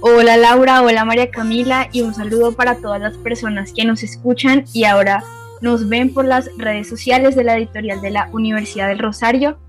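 A woman panelist on a radio show, speaking warmly with hesitant fillers. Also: on the high side, fairly even intonation, brisk, faint music behind. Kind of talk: radio chat.

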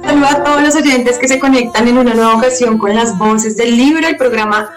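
A woman's voice: fairly high pitch, loud music behind the voice. Formal woman radio host. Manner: formal, measured announcing. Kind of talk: scripted radio hosting.

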